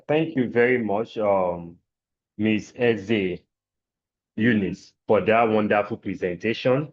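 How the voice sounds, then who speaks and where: A man moderating a conference session as chair in a formal, courteous and ceremonious way. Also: fairly low pitch. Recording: dull, lo-fi sound.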